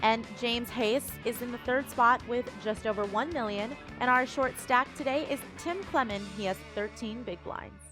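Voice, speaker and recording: A woman commentating a televised poker final table, giving upbeat, clear play-by-play. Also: a little high, normal speed, few pauses, music in the background.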